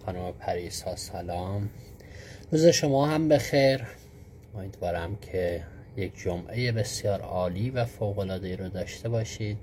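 A man's voice: deep voice, darkish tone, a little hiss or hum. A man hosting a live stream who greets viewers one by one and patiently explains answers to their questions, with frequent fillers. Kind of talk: casual live-stream teaching.

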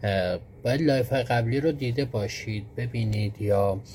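A man's voice: medium pitch, a little mellow, slight background noise. A man hosting a live stream who greets viewers one by one and patiently explains answers to their questions, with frequent fillers. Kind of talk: casual live-stream teaching.

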